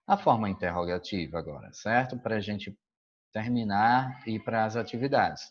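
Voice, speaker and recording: A man's voice: medium pitch, breathy edge, dull audio. A man with a Brazilian Portuguese accent, an English teacher patiently explaining a school worksheet and often checking that students follow.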